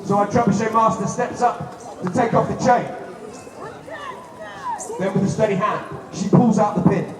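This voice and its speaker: A man's voice: sits high, fairly even intonation, moderate pace, pauses often. A man presenting a live outdoor demonstration in an emphatic, theatrical showman's manner. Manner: showman-like, emphatic, dramatic delivery to a crowd. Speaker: live show presenter at a castle attraction. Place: outdoors at castle grounds before a crowd. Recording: echoey distant outdoor PA, noisy crowd.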